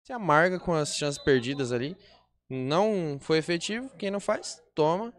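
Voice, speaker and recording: A man's voice: a little high, normal speed. A man with a Brazilian accent giving colloquial, conversational analysis as a football pundit.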